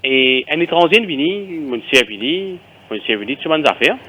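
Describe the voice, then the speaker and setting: A man with a Mauritian French accent, a caller on a radio phone-in, talking haltingly and restarting his words as he asks a worried question. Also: a little high, animated, pushed and bright, poor audio.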